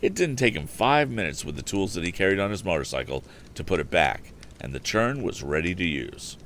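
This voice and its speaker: With a sing-song lilt, a man whose voice sits low yet fairly bright reads a little fast on his storytime livestream. He mixes animated book reading with casual asides, using a streaming microphone, and faint background noise comes through.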